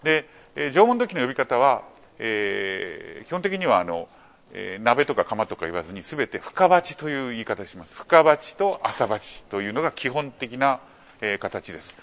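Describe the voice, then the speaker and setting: Lively-pitched Japanese male lecturer. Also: gravelly. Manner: measured explanatory delivery with many fillers; rhetorical questions to the audience. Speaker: lecturer on archaeology. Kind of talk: public lecture.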